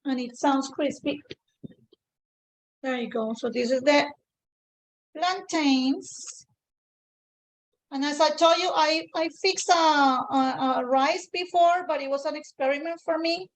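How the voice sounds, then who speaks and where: A woman's voice: sits high, slow pace, pauses often, rough recording. A native Spanish-speaking woman with a Colombian accent hosts a casual cooking demonstration, chatting informally and repeating phrases for emphasis. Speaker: cooking show host, home cook.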